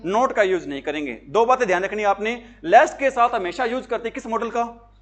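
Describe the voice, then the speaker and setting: A man's voice: high voice, lively intonation, brisk. A man teaching grammar for job exams, asking his class questions and answering them himself with repeated emphasis. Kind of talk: classroom lecture.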